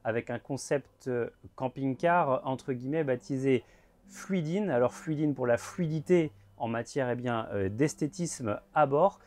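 A man in his thirties gives a guided tour inside a motorhome at a trade fair, talking in a measured way with frequent filler words. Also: mid-range voice, darkish tone. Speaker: motorhome show presenter. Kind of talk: guided vehicle walkthrough.

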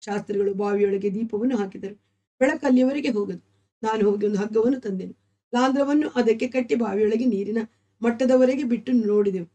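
A woman's voice: on the high side, a little fast, dark tone. A woman reading a short story aloud as the storyteller of a live stream. She gives the characters their own voices and raises her voice for the frightened mother.

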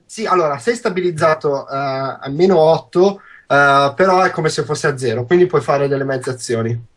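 A young man with a husky voice, refereeing and narrating a tabletop game as game master over a video call. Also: a little high, normal speed. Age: young adult. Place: at home on a group video call.

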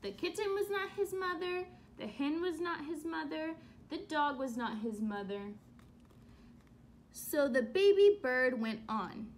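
A young woman teacher reading a children's book aloud and asking questions in an expressive, instructive way. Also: high voice, a little slow, a little hiss or hum. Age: young adult. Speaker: elementary school teacher. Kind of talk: children's read-aloud lesson. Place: small room at home.

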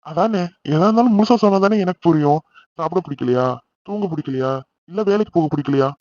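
A man voicing a gentle, reassuring cartoon dad. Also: a little high, quick pace, no room sound, highs cut off, natural voice. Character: middle-aged father, calm and soothing. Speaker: father in a family cartoon. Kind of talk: cartoon voice acting.

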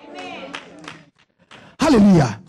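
A pastor in his thirties preaching a sermon on a church stage into a handheld mic, building to shouts with rhythmic repetition. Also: high voice, huge pitch swings, unhurried, slightly rough, a faint crowd. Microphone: handheld microphone.

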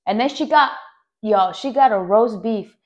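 A young adult woman hosting a podcast, telling a personal story in a rambling, animated way with lots of fillers and direct asides to her listeners. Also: on the high side, a little slow, lo-fi sound. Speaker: podcast host.

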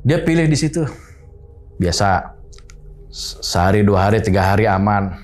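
A man's voice: on the low side, moderate pace, soft background music. A man, casually recounting a horror story from his boarding house and acting out what people said. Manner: animated retelling, acting out quoted dialogue.

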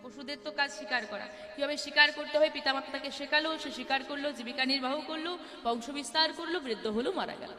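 A woman's voice: sits high, fast talker, in a large hall. A woman kirtan singer telling a devotional story as a sermon, repeating words for effect and addressing listeners as mother and father.

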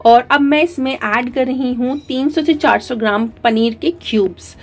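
A woman hosting a channel, narrating a recipe in a calm, step-by-step way frequent fillers and mixed in. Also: fairly high pitch, normal speed. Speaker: cooking channel host.

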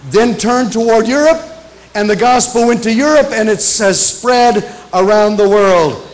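This rough recording captures a sermon by a middle-aged pastor, a guest missionary preacher raised in Africa, speaking into a pulpit microphone in a large church. His pitch is on the high side for a man; he repeats key points emphatically and eases his pace for scripture readings.

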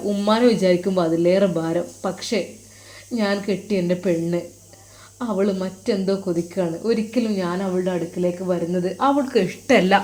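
A woman's voice: mid-range voice, darkish tone, lightly acted. A woman voicing a grieving young married man who talks in a subdued, hesitant way. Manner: subdued, hesitant, heavy-hearted. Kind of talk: storytelling.

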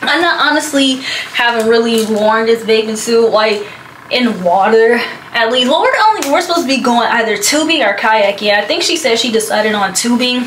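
Young woman, vlogger, casual rambling chat, high pitch, echoey room with faint noise. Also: expressive, normal speed, a bit bright. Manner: rambling, chatty, lots of fillers. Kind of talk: casual vlog chat to camera.

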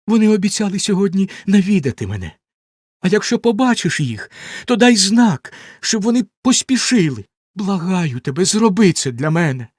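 A man's voice: sits high, unhurried, no room sound, studio quality, pitched above the performer's own voice. A man voicing a frightened young wife in a storybook reading, raising his voice into a pleading, tearful tone.

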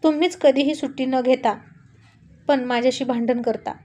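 A woman's voice: high-pitched, steady tone, normal speed, a little mellow, a little hiss or hum, natural voice. A woman voicing a playful, affectionate young wife in a told love story. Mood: pleading. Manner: cheeky, coaxing.

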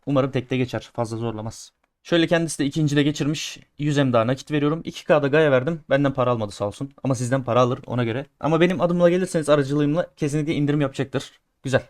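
Man, gaming streamer, casual play-by-play, chatty with viewers, grumbles and cheers, mid pitch. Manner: chatty, talks to viewers as he plays; swings between grumbling and loud cheering. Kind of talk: casual gameplay commentary.

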